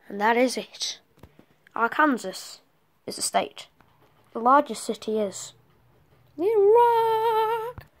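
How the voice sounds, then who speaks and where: A woman giving a homemade geography presentation, chatty, breaking off into muttered self-corrections and whispered asides. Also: mid-range voice. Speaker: student presenting homework.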